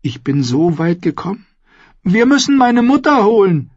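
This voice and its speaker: Guy reading a desperate little girl voice, high and shrill, kinda husky, dull dry sound. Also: steady tone, normal speed, darkish tone, no echo. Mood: desperate pleading. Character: desperate young girl, fierce and stubborn.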